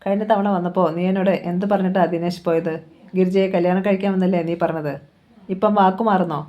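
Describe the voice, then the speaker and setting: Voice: mid-range voice, steady tone, quick pace, dull audio, lightly acted. A storyteller reading a novel aloud, voicing a stern widowed mother who scolds her son and later breaks into tears. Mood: angry. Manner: scolding, then tearful. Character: aging widowed mother, proud and quick to anger.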